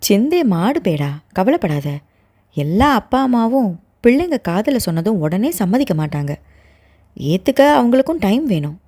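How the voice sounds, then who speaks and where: A woman voicing a calm young male doctor who reassures and gently teases his girlfriend. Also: medium pitch, moderate pace. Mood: reassuring. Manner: reassuring, teasing.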